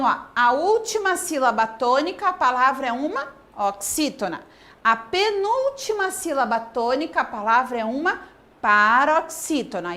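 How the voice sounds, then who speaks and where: Slow, lively Brazilian woman teacher. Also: sits high. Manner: slow, drawn-out word-by-word dictation. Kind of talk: online grammar lesson.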